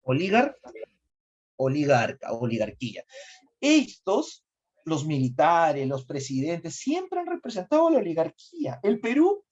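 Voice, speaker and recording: Animated Peruvian history teacher, slightly muffled. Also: male voice, on the high side, unhurried. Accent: Peruvian Spanish. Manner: asks students questions, animated. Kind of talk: lively classroom lecture. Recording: slightly dull lo-fi recording.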